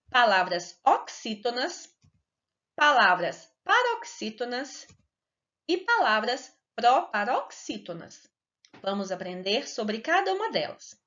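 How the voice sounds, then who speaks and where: Woman teacher for kids' video lessons: bright sing-song delivery, deliberate syllable stretching, muffled low-fi sound. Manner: slow, clear and sing-song, stretching words to stress syllables. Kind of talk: recorded lesson for children. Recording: dull lo-fi recording.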